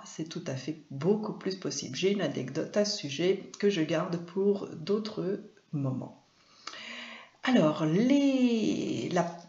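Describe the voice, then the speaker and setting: A woman's voice: on the low side, a little mellow. A French woman hosting a weekly live film talk, hesitant, with many fillers and restarts. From France. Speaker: host and film trainer. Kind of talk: casual live-stream talk. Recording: roomy, dull lo-fi sound.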